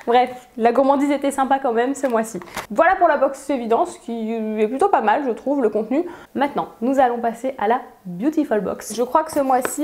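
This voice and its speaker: A young woman with a fairly high voice chats casually through an unboxing, filling pauses with little hesitations. She laughs easily and keeps an easygoing, conversational flow. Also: a little mellow. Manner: chatty, laughs often, frequent fillers. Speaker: beauty vlogger.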